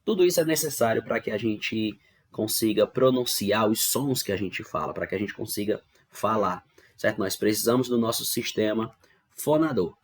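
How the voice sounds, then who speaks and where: Recording at home for an online class, this Brazilian Portuguese-accented man explains grammar one step at a time, frequently making sure students keep up. He speaks at a moderate pace in a fairly low pitch.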